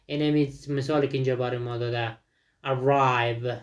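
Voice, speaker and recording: Male English teacher, Dari accent, mid-pitched, switches between slow drilled examples and quick explanation. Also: fairly even intonation, warm tone. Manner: asks and answers his own questions. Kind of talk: explaining a textbook lesson.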